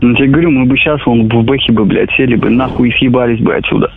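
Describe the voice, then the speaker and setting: A soldier on an intercepted radio phone call, talking coarsely and swearing constantly. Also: male voice, medium pitch, fairly even intonation, fast talker, gravelly, slightly rough. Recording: tinny intercepted phone line, faint music.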